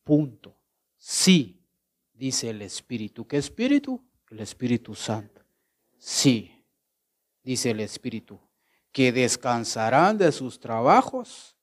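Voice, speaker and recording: Man preaching with questions he answers himself. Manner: asks the listener questions and answers them himself; swings between loud exclamations and low, hushed phrases. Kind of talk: devotional sermon podcast.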